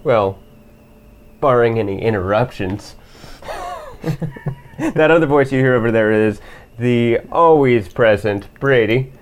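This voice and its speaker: A man's voice: mid-range voice, a little slow, long pauses, slight background noise. A man co-hosting a casual film review podcast, talking in a laid-back, rambling way and laughing often. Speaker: podcast co-host.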